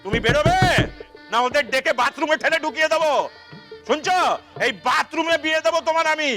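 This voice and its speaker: Ranting Kolkata dad played by a man: high, bright, sarcastic, keeps shouting the same lines. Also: a little fast, faint music behind. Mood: exasperated ranting. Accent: Kolkata Bengali. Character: frantic middle-aged father of the bride, money-obsessed. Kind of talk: theatre play reading.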